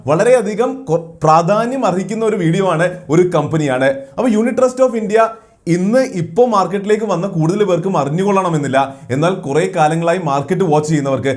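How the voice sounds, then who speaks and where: Guy doing a quick ipo breakdown, higher voice, rattles through it. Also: darkish tone. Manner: brisk, mixes English terms into Malayalam. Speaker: finance channel host. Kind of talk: IPO review explainer.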